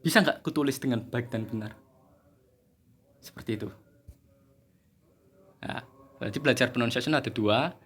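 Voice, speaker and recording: Male teacher, relaxed joking classroom delivery, mid pitch. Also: normal speed, long pauses, slightly rough. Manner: chatty, joking, laughs at himself. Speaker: English teacher. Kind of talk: casual video lesson.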